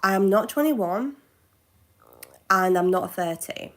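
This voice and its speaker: A woman in her twenties chatting casually on a live Q&A stream, halting and correcting herself now and then. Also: medium pitch, lively intonation. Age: 20s. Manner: halting, self-correcting, with soft asides. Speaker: livestreamer.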